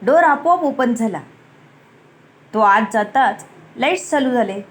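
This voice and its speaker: A woman's voice: a little high, animated, a little slow. A woman reading a romance story aloud, acting out the characters' dialogue. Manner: acts out the dialogue, switching voices between characters.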